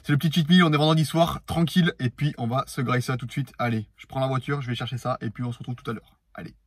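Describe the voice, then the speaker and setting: A young man, hosting a casual vlog with loud, slangy chat. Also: medium pitch, fairly even intonation, rapid-fire, breathy edge, no echo, clean studio sound. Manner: slangy, loud and hyped, talking to camera. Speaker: vlogger. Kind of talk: casual chat while eating. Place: in a car, then at a table eating.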